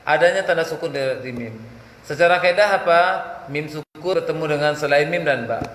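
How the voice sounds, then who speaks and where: A man with a Minangkabau-tinged Indonesian accent teaching Quran recitation rules, asking and answering his own questions and slowly chanting verse examples. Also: on the high side, fairly bright tone. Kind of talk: tajwid lesson with chanted examples. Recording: echoey room with faint background noise.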